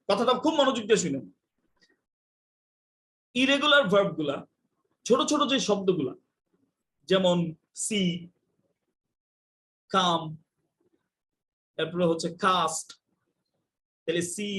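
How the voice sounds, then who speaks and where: A man's voice: sits high, fairly bright tone. A young man teaching English in a live online class, joking and scolding and mixing in English phrases.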